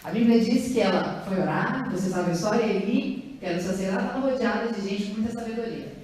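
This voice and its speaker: A woman pastor preaches a sermon in a lively, conversational way, asking the congregation questions. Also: fast talker, slight background noise. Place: large echoing church hall. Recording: booming church reverb, distant mic.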